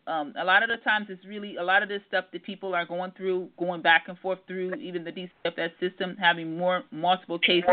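Woman over a tinny phone line. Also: on the low side. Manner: earnest, with many ums and repeated words. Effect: heard over a phone line. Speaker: family therapist calling in as guest. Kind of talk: casual radio call-in interview.

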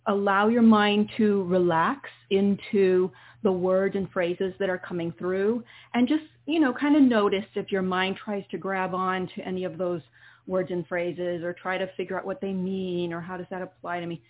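A woman's voice: mid-range voice, fairly even intonation, normal speed. Woman leading meditation, muffled phone-like sound. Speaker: guided meditation healer, session host. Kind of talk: guided meditation, partly improvised spoken instruction.

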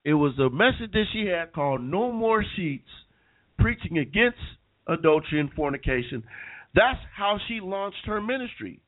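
A man's voice: high voice, sing-song, normal speed. A man with a nasal voice from being sick, hosting an internet call-in radio show with casual, rambling talk. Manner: rambling with many restarts. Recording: tinny phone-line sound.

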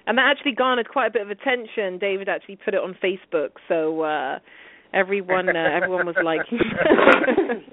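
A woman hosting a casual talk radio show, heard through a narrow, phone-like line. She talks hesitantly, with many "um"s and restarts, at a middling pitch. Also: lively intonation, brisk, slight background noise. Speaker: host. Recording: phone-like call-in audio.

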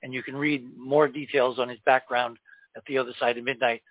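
A man hosting a talk radio show, speaking in measured, emphatic phrases. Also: mid-range voice, flat delivery, no room sound, narrow, tinny audio.

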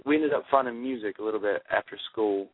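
A man from Alabama with a Southern hillbilly twang, chatting casually and haltingly as an interview guest. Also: lowish voice, dry recording. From Alabama, United States. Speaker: interview guest, rock band lead singer. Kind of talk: casual phone interview chat. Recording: tinny phone line, radio show.

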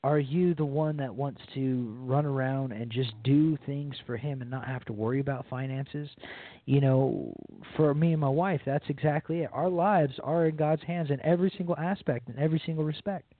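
Over a dry, tinny phone line, a man delivers an informal radio sermon earnestly, repeating phrases and addressing listeners as brothers and sisters. His voice is medium-pitched and steady at a normal speed.

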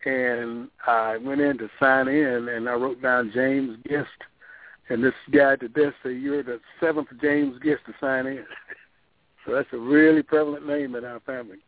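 A man's voice: mid-range voice, fairly even intonation, moderate pace, no room sound. A man genealogist telling an easygoing story as a guest on a radio interview. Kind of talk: casual radio interview chat. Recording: tinny phone line.

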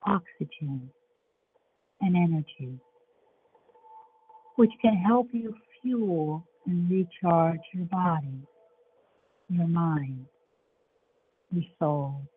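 A woman leading a guided relaxation meditation in a soothing, measured way, with long pauses between short phrases. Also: lowish voice. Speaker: show host and guided imagery facilitator. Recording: dull lo-fi sound with faint background noise.

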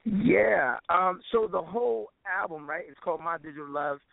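A musician and producer speaks as an interview guest in a high-pitched, creaky male voice at normal speed, heard with phone-quality sound. He chats casually, using informal, slangy phrasing and frequently dropping "you know."

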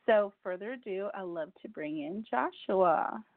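Animated yet a little slow, a medium-pitched woman hosts a casual call-in radio program over a dry, tinny phone line. Spanish is her first language, and she chats along, repeating details and tripping over words.

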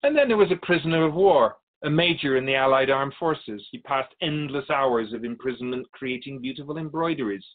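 This radio drama features a man as an otherworldly keeper of souls, wise and courteous, with a medium-pitched voice close to everyday speech and phone-quality sound. His storytelling is wry and philosophical, delivered at a measured pace that gently challenges the listener.

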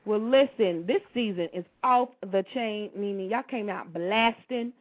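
A woman's voice: medium pitch, a little slow. A woman hosting a casual interview, speaking in an affirming, familiar and slangy way. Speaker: radio show host and writer. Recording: tinny phone-like sound.

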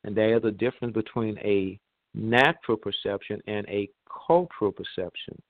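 A man hosting an online radio talk show, heard over a phone line, speaking in a measured way with pauses and fillers. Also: lowish voice, fairly even intonation, no echo. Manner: measured, pausing, with many fillers. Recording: tinny, dry phone line.

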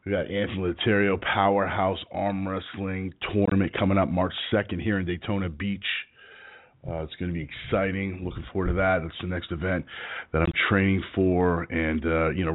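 A man with a rough, gravelly, hoarse voice hosting casual sports talk radio in an informal, rambling way. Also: sits low, steady tone, moderate pace. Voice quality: rough, gravelly voice from sore throat. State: hoarse, getting over strep throat. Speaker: radio show host. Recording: muffled, band-limited internet radio audio.

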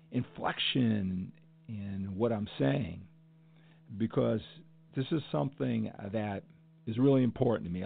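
This passionate solo podcast monologue comes from a middle-aged male host with a fairly low, gravelly voice. He talks with earnest emphasis, circling back to the same phrases to drive his argument in. The audio sounds thin and tinny, like a phone.

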